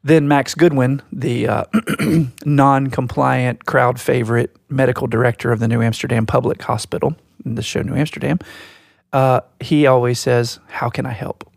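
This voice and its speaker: A man co-hosting a podcast, talking in a reflective, storytelling way, slow and deliberate. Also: mid-range voice, steady tone, creaky, dry recording, clean studio sound. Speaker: podcast co-host. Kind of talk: casual podcast chat.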